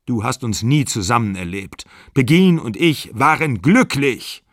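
A man playing a furious, wounded aging actor in his sixties who shouts bitter accusations down the phone. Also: mid-range voice, animated, moderate pace, dry recording, clean studio sound, close to an everyday voice.

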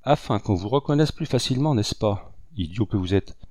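Gruff, contemptuous giant of a man, a grumbling storybook villain, as a male narrator puts him on. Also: fairly low pitch, animated, brisk, a little mellow, no echo, studio quality. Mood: scornful. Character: huge, brutal, scornful male conspirator.

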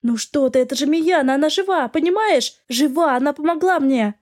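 A woman voicing a gentle young daughter in an audiobook, pleading and earnest. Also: high voice, a little fast, voice pushed up, lightly acted.

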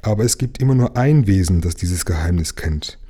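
A man voicing a sad, gentle young mermaid princess in a storybook read aloud, with a soft, tearful voice. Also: deep voice, lively intonation, a little fast, breathy edge. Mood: sad, earnest.

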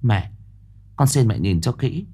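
A man's voice: mid-range voice, husky. A man voicing a composed young daughter-in-law who answers politely and evenly. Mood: calm. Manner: calm, polite, measured.

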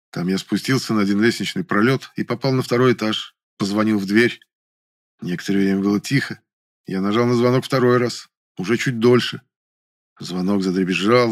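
A man reading a first-person story aloud as an audiobook, measured and wry. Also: lowish voice. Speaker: audiobook narrator.

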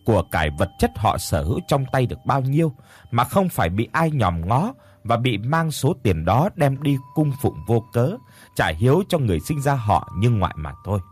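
A man's voice: mid-range voice, big pitch swings, moderate pace, husky. A man narrating a first-person audio story in a bitter, scornful tone.

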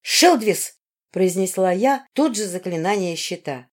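A woman's voice: on the low side, expressive, a little fast, darkish tone. A woman reading a fantasy audiobook aloud in the first person, with dramatic storytelling. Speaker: audiobook narrator. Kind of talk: expressive audiobook narration.

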